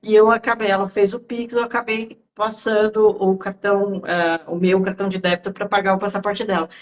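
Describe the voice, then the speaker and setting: A woman, explaining things in a relaxed, conversational way on a live-stream Q&A, with frequent fillers. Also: medium pitch, brisk, muffled recording. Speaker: guest speaker on Italian citizenship. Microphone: remote live-stream call.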